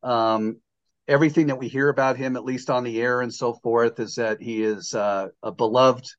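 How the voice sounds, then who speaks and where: A man's voice: medium pitch, fairly even intonation, normal speed, highs cut off. Older man hosting a rambling sports podcast. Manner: rambling and jokey, with many fillers and restarts. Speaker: podcast host. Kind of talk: casual sports podcast chat.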